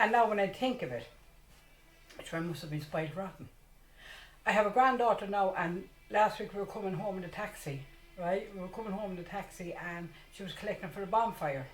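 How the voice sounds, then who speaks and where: A woman in her sixties with an Irish accent, telling childhood stories in a lively, laughing way. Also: mid-range voice. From Ireland. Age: 60s. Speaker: interviewee. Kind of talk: casual storytelling. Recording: echoey room.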